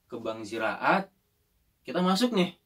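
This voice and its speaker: A young man telling an animated story in casual chat and acting out the voices of the people in it. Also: mid-range voice, measured pace, husky, recorded from a distance.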